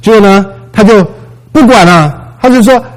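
A man's voice: high-pitched, normal speed, low-quality recording. A man preaching a sermon in a conversational way, with English words mixed into his talk. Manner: conversational, mixes English words, acts out voices in retellings.

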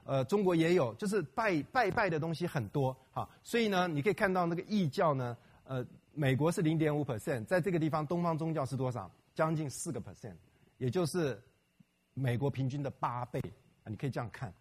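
Middle-aged male pastor, husky, chatty church-talk delivery with lots of fillers. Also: a little high, lively intonation, brisk. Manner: conversational, with many fillers and rhetorical questions. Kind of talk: church talk on local history and prayer.

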